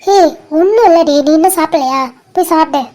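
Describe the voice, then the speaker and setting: A performer voicing a heartbroken, stubborn young woman in a cartoon, talking softly and hesitantly through tears. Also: very high voice, fairly quick. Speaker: animated series character. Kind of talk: dramatic cartoon dialogue.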